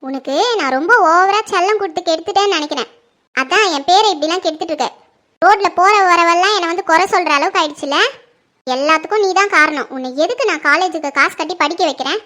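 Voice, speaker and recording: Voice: very high-pitched, fast talker. A performer doing a furious scolding mother. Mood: angry, accusing. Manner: sharp, accusing and demanding. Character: furious middle-aged mother, suspicious and scolding. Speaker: neighbor and mother in a family skit. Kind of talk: home-made Tamil family skit acting.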